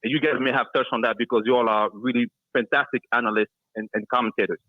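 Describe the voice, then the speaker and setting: A man's voice: medium pitch, steady tone, fast talker, no echo. A man from Cameroon calling in to a sports show, who keeps restarting and repeating words before he gets his point out. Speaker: caller. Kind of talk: phone-in call to a sports show. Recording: tinny phone line.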